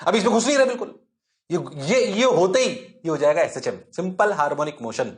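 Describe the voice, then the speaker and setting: A man teaching physics in a lively, jokey way, constantly checking that the class is following and sometimes answering his own questions in a low student voice. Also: fairly quick. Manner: jokey and self-mocking. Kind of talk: online exam-prep lecture.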